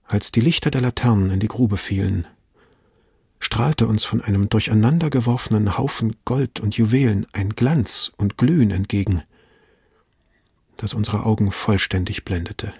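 Male storyteller for audiobook narration, measured delivery, raspy voice, dry recording. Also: lowish voice, darkish tone, dry recording. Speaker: audiobook reader. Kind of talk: scripted narration.

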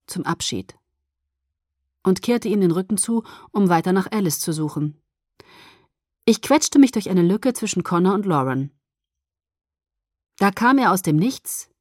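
A woman narrating an audiobook in a calm, measured storytelling manner. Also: on the low side, dry recording, clean studio sound. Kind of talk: scripted narration.

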